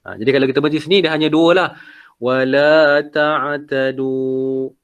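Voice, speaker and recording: Seorang guru tilawah lelaki dari Malaysia berloghat Melayu Malaysia, mengajar dengan sabar, melagukan ayat lalu menerangkan tajwid melalui panggilan video. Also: male voice, a little high, lively intonation, racing, dull audio. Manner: patient, corrective, chants verses melodically then explains. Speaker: Quran recitation teacher. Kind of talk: online recitation lesson.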